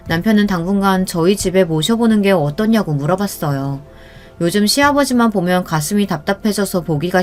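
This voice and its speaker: A woman telling a first-person story in a conversational, complaining tone. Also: medium pitch. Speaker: story narrator. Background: faint background music.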